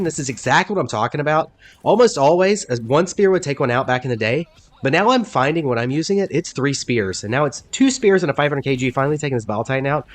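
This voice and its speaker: A man narrating gameplay commentary over footage, his voice a bit congested from a cold. He explains each move in an upbeat way, jumping up in pitch when something excites him. The sound is dry and close, with his pitch sitting in an ordinary middle range. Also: dry recording.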